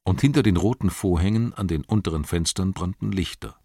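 A man narrating an audiobook in a measured, expressive storytelling manner. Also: sits low, no echo, studio quality.

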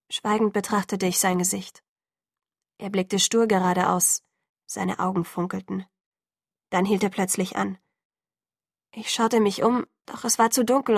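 Gravelly-voiced woman reading a novel. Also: mid-range voice, no echo, clean studio sound. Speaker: audiobook narrator. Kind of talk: scripted first-person narration.

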